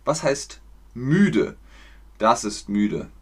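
A man from Germany teaching German on a livestream, explaining slowly, clearly and patiently. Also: medium pitch, sing-song. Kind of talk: livestream language lesson.

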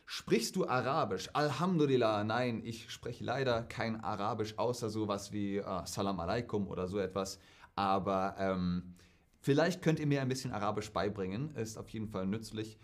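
Chatty German man answering viewer questions. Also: fairly low pitch. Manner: lively, chatty, acts out quoted speech. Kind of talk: casual Q&A vlog.

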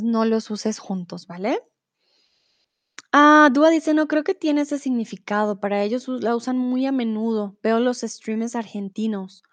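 A young woman leads a live online Spanish lesson, reading her students' comments and explaining with patient check-ins. Her voice sits a little high. The sound is close and dry, with no room echo. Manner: patient, checks in with "¿vale?", switches to English and German. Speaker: Spanish teacher. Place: in Mexico.

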